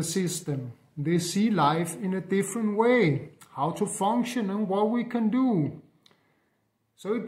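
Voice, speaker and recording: Slow, high-voiced Danish man musing. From Denmark. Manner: slow, halting, with many fillers and restarts. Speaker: spiritual vlogger. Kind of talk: reflective personal monologue.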